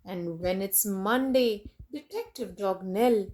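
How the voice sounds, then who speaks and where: A medium-pitched woman reads a children's storybook slowly and expressively. She breaks off in an animated manner to put questions directly to her young audience.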